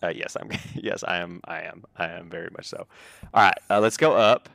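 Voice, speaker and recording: A man's voice: low voice, brisk, vocal fry, dry recording. A young man livestreaming, chatting jokily through gameplay commentary and laughing often. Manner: excitable, laughs often, jokey.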